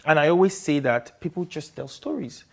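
A man who is a guest on a book club show, talking in an animated, expressive way and acting out his reactions. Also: fairly high pitch, brisk, vocal fry. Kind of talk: book review conversation.

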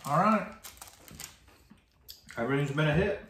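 A man's voice: fairly high pitch, a little slow. A man co-hosting a casual snack review at home, chatting easily and reading package descriptions aloud. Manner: relaxed, reads package text aloud. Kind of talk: casual snack-tasting chat. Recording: echoey room, faint noise.

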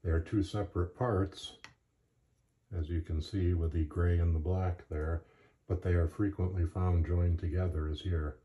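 Male instructional narrator, deep and monotone, plainspoken and unhurried in manner. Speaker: presenter of a gear demonstration.

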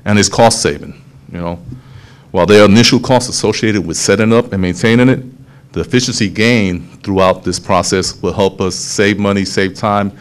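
A man, a police official explaining a program to a town hall meeting, steady and explanatory, often restarting phrases. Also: lowish voice, moderate pace, smooth. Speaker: police official presenting to city council.

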